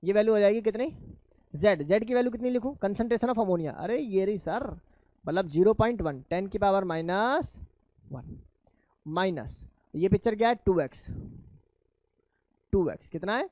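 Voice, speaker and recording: A man's voice: animated, normal speed, pauses often, a little mellow, no echo. Man, chemistry lecture, fond of calling students kids, self-answering questions, dry recording. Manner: asks questions and answers them himself in a lower voice; addresses students affectionately as children. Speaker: chemistry teacher. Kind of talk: classroom lecture.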